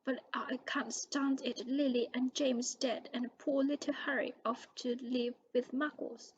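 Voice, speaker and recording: A woman reading aloud as a huge, gentle male giant, who speaks in a choked, pleading voice. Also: high voice, little pitch movement, measured pace, dull audio, slight background noise. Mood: tearful.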